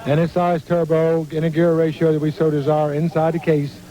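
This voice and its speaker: A man explaining rules in an interview as a tractor owner, with measured, formal wording. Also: fairly high pitch, monotone, dark tone, low-quality recording.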